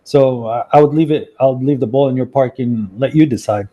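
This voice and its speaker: A man from Syria calling in to a debate show, speaking in a measured, hesitant way with frequent fillers. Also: medium pitch, dark tone, lo-fi sound. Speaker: caller, debate guest. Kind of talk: casual debate.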